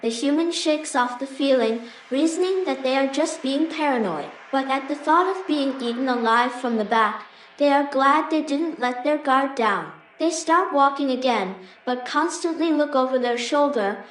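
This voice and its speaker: A woman's voice: high-pitched, moderate pace, distant mic. A woman reading scripted narration for a fantasy story as the narrator. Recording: roomy echo, faint background noise.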